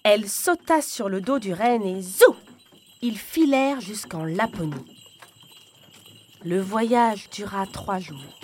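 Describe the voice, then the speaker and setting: A woman reading a fairy tale aloud in a calm, expressive storytelling voice. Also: medium pitch, takes it slowly, pauses often, slight background noise.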